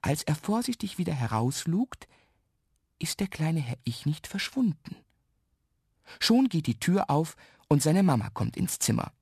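A man narrating a children's radio story with lively, expressive storytelling. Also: fairly high pitch, measured pace, slightly rough, no echo, clean studio sound.

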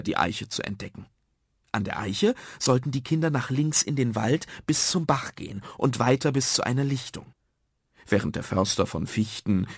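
A man narrating a children's story in a lively, expressive storytelling manner. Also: lowish voice, gravelly, breathy edge, no echo, studio quality.

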